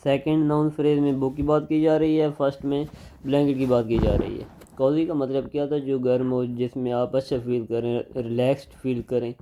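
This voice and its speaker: A man teaching English grammar in a lecture, explaining in Hindi mixed with English and reading example sentences slowly. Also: medium pitch, flat delivery. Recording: dull lo-fi recording with faint noise.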